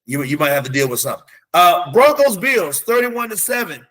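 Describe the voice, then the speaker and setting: A man in casual sports talk, his voice bright and pitched a little high. He is animated and loose with slang as he runs through scores and stats, and he keeps an easy back-and-forth going with his co-host. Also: fairly quick. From United States. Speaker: teacher.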